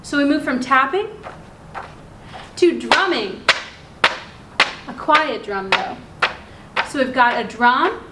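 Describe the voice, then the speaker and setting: A woman hosts story time at a library, reading aloud to young children in an unhurried, simple, instructive way and pausing to ask them questions. Her voice is high-pitched and a bit bright. The recording is roomy and echoey, with clear background noise.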